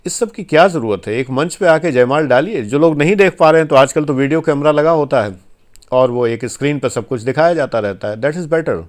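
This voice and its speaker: A man's voice: fairly high pitch, fairly quick. A man giving a motivational talk on life and marriage, earnest and exhorting, with firm emphasis. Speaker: life coach giving advice.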